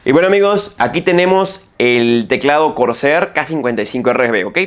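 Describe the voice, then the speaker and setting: A man's voice: mid-range voice, lively intonation, brisk. Guy doing a keyboard review, explains everything step by step, keeps saying ok?, corrects himself sometimes. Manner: explanatory, repeats "¿ok?" after points; self-correcting mid-sentence. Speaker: tech reviewer. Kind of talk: product review tutorial.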